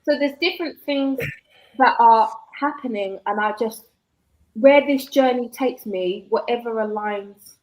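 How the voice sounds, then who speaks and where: A woman's voice: fairly high pitch, unhurried, rough recording. A woman, chatting casually as a guest author, reflective and laughing often. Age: 40s. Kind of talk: casual live chat.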